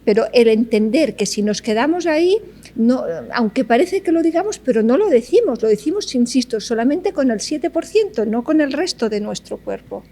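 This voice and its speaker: A woman's voice: on the high side, expressive, moderate pace, mellow. A woman psychologist, explaining ideas in an interview and often checking in with "¿vale?". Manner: didactic, keeps checking with "¿vale?". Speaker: psychologist guest.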